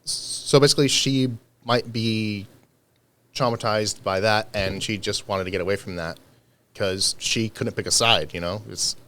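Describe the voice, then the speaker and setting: Laid-back man with a smooth voice. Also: fairly low pitch, a little slow. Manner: relaxed, laughs often. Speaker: podcast co-host. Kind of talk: casual chat.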